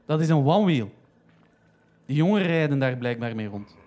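A man's voice: fairly high pitch, expressive, moderate pace, a little mellow. A man voicing an older man with a grandson, who eagerly explains what he knows. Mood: knowing.

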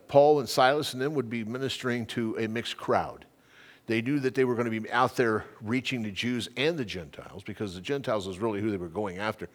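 Animated man preaching a sermon. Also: mid-range voice. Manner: animated, emphatic preaching with repeated phrases. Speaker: pastor.

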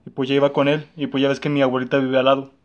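A man's voice: medium pitch, completely flat delivery, very fast, highs cut off. A young man with a Mexican accent telling a personal story in casual, slangy chat, full of fillers.

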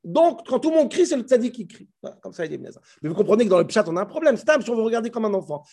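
Man, high-pitched, warm mellow tone, animated scripture teacher, emphatic, talks to listeners. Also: rapid-fire. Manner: dramatizes dialogue, switches to Hebrew recitation; addresses listeners directly, emphatic. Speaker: Torah teacher. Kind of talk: animated Bible class.

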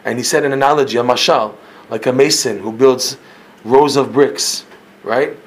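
A man teaching a religious class in storytelling style, swinging between loud emphatic bursts and low quiet asides, peppering his talk with Hebrew and Yiddish terms and correcting himself mid-sentence. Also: normal speed.

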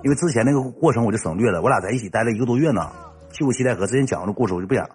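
A man with a Northeastern Mandarin accent telling a comic personal story in a rough, slangy ranting way. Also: medium pitch, expressive, very fast, faint music behind.

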